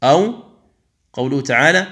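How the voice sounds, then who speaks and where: A man with a medium-pitched, animated voice and a sharp tone teaches how to recite the Quran. He explains the rules one by one, slowly and carefully, sings the examples out at length, and occasionally shows a wrong reading next to the right one.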